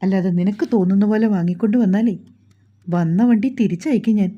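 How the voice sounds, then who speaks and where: Woman voicing a short-tempered gruff man, stern, curt, mellow, breathy, dull recording. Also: medium pitch, a little fast, lightly acted.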